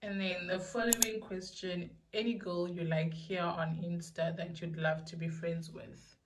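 A young South African woman talks casually to her viewers. Her voice is a little low for a woman. She rambles through her answers and often repeats herself. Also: level tone, a little slow, slight background noise, rough recording. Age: young adult. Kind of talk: casual question-and-answer vlog. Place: small indoor room.

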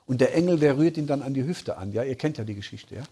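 A man's voice: mid-range voice, lively intonation, fast talker, mellow, husky. A man preaching a sermon as a Bible teacher, earnest and explanatory, often checking in with his listeners. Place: conference hall.

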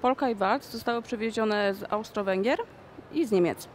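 Recorded in a shopping mall with a bit of background noise, a young female dance choreographer fields interview questions. She speaks in a mid-range voice, chatting casually with frequent pauses.

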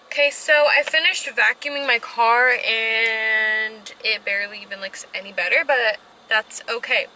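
Chatty bright-voiced young woman vlogging. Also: a little high, steady tone, unhurried, a little hiss or hum, poor audio. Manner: chatty, rambling, self-deprecating. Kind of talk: casual vlog chat. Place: inside a parked car. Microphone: camera mounted on the dashboard.

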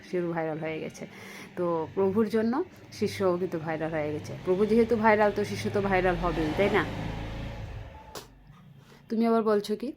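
Woman, Bengali accent, lower voice, scolding vlog commentary, rhetorical questions. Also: darkish tone. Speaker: vlogger. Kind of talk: commentary vlog addressing another creator.

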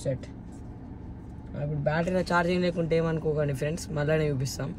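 Joking fast-talking man. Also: on the high side, fairly even intonation, background noise. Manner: joking, teasing. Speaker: co-host friend. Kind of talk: casual banter.

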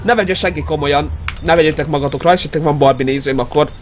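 A man's voice: on the high side, a little hiss or hum. A man playing a horror game and commenting, teasing the monster and yelping when startled. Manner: excitable, mocking the monster, yelps when startled. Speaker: gaming YouTuber. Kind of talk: let's play commentary.

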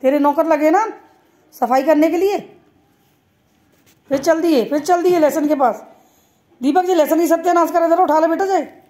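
A woman's voice: extremely high pitch, normal speed, long pauses, warm tone. A woman filming at home, talking to her pet parrot in playful, coaxing baby-talk and teasing scolds. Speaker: pet vlogger.

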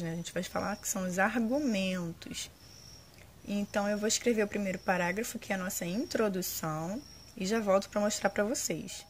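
A woman's voice: medium pitch, slight background noise. Brazilian woman teaching, patient and explanatory. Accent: Brazilian Portuguese. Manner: patient, explanatory, frequent tag questions. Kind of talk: casual classroom instruction.

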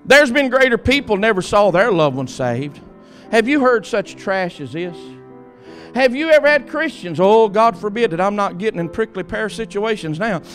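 Male preacher, fervent and emphatic, high and bright with a gravelly edge, faint music behind. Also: expressive, moderate pace. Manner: fervent, emphatic preaching with repeated calls to the congregation. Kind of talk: sermon.

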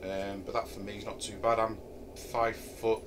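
A man's voice: on the low side, little pitch movement, moderate pace, noisy background. A middle-aged man with a Yorkshire accent casually reviewing a camping chair in his kitchen, hesitating and thinking aloud with many ums. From Yorkshire, England. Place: home kitchen, indoors. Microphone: camera a few feet away.

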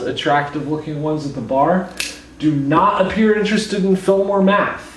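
A hungover young man gives a casual whiteboard lecture in a deadpan, slightly awkward manner. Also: on the high side. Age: young adult. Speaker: calculus lecturer. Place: living room at home, indoors. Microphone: camera mic from a few feet away. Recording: roomy, distant mic, faint noise.

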